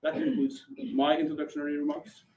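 A middle-aged man whose first language is Norwegian delivers formal prepared remarks in English. His voice is on the higher side. He speaks in a measured way, in a conference room. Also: very animated, a little mellow, lo-fi sound. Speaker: army officer.

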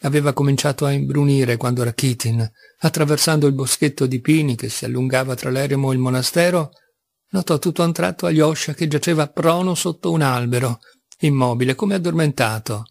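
A man narrates a classic novel in a measured, even way. His voice sits at a middle pitch and is recorded close on a studio mic. The sound is dry with no room around it. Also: gravelly, no room sound. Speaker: audiobook narrator.

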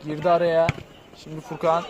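A man giving live play-by-play football commentary, lifting into excited, drawn-out calls on shots and goals. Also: on the high side, dull audio, a crowd in the background.

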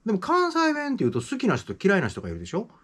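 Teasing Kansai man, husky, lively pitch. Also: very fast. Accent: Kansai Japanese. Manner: joking, teasing, laughs often. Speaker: interviewer, former company employee. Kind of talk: casual teasing interview chat.

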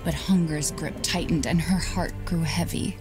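An actress as a hushed fairy-tale-telling young mother. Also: low voice, fairly even intonation, normal speed, lightly acted. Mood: hushed storytelling. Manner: hushed storybook narration, drops to whispers. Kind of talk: scripted game narration. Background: game music.

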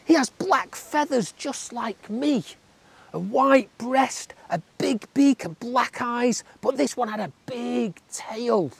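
Brief: narrator putting on a high, excitable little tadpole, stubborn, with a husky, gravelly edge and swooping pitch. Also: slow, no echo, exaggerated voice. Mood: excited. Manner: eager, insistent, high and excited. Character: stubborn young tadpole who dreams of flying.

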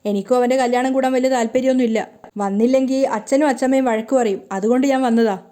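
A protective young husband who fires off demanding questions and refuses to let things go, read out by a woman in a storytelling voice. The voice sits a little high and soft-toned. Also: steady tone, quick pace, natural voice. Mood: pressing.

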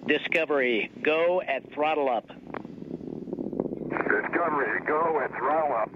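A man's voice: fairly high pitch, a little slow. A man calling out terse, clipped procedural commands as a mission control communicator over a crackly space radio transmission. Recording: muffled radio link with static.

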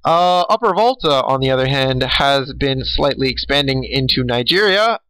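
A man's voice: mid-range voice, expressive, moderate pace, pushed and bright, no echo, poor audio. A tired young man hosting a casual recap of an online strategy game, rambling with fillers and small laughs. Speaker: game host.

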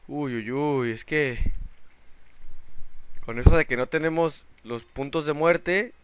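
Excitable gamer guy. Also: fairly high pitch, slow, clear, resonant tone, no echo. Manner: excitable, shouts in panic at sudden dangers. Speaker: gaming channel host. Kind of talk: let's play gameplay commentary.

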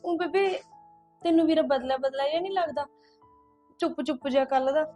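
A woman's voice: high voice, a little fast, dark tone, faint music behind, natural voice. A young woman acting a caring daughter who chats with concern about her brother. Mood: chatty. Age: young adult. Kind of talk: short film dialogue.

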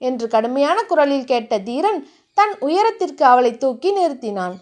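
Lady narrating a love story novel, high voice, steady reading. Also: moderate pace.

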